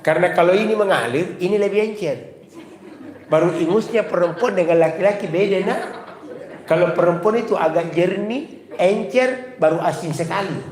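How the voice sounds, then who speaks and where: A man's voice: high-pitched, normal speed, a little mellow, roomy sound, in a large hall. A man with a South Sulawesi accent preaching a humorous sermon, chanting Arabic prayers and joking with the women listening. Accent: South Sulawesi Indonesian. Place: mosque.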